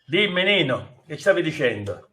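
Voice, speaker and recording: A male talk show host with a Sicilian accent and a high voice. He chats with his guests and speaks directly to viewers at home. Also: sing-song, normal speed, sharp tone. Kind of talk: live talk show hosting.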